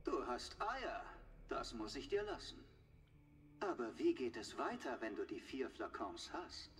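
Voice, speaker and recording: A taunting arrogant villain. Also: male voice, mid-range voice, sing-song, a little slow. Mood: mocking. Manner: taunting, swaggering. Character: arrogant mocking male villain lord. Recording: game audio heard from far with faint noise.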